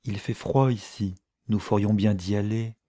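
A man voicing a quiet, gentle middle-aged woman in an audiobook reading, with a soft, unhurried manner. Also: fairly low pitch, steady tone, dry recording, studio quality, close to an everyday voice. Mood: calm.

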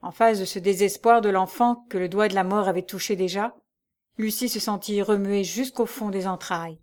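Woman reading an old novel out loud, calm steady narrator voice, middle pitch. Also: moderate pace. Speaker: audiobook narrator. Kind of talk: scripted narration of a classic novel.

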